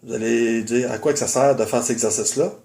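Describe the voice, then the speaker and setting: Male guitar teacher, mellow voice, methodical, roomy recording with guitar behind. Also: mid-range voice, steady tone, fast, vocal fry. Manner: methodical, patient explaining with frequent "euh" fillers. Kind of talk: instructional video. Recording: roomy, with guitar playing in the background.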